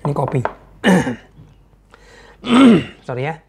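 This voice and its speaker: A man giving an informal sermon-style talk, earnest and repetitive for emphasis, asking his audience questions and clearing an irritated throat. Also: slow pace, a little mellow, a little hiss or hum.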